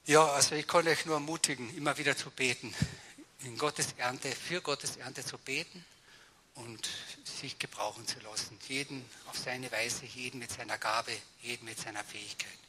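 A man preaching a sermon in a conversational, storytelling way, often tagging his sentences with questions to the congregation. He swings between loud excited bursts and quiet, low-voiced passages. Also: moderate pace, slight background noise. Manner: conversational, animated storytelling with frequent tag questions.

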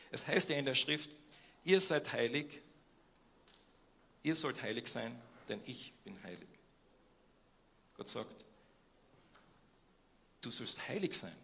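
A young man preaching a sermon, swinging between loud questions and quiet emphasis, with frequent hesitations. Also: mid-range voice, creaky.

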